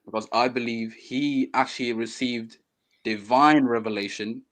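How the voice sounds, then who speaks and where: A man's voice: mid-range voice, steady tone, moderate pace, a bit bright. A man calling into a live debate stream from a phone, earnest and a little hesitant, often restarting words. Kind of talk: casual debate chat. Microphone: phone mic.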